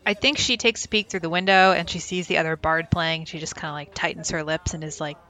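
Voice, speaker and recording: A woman's voice: fairly low pitch, fast, sharp tone. A woman playing a tabletop game, talking casually and hesitantly with many fillers. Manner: hesitant, full of "like" and "uh". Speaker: player and co-host.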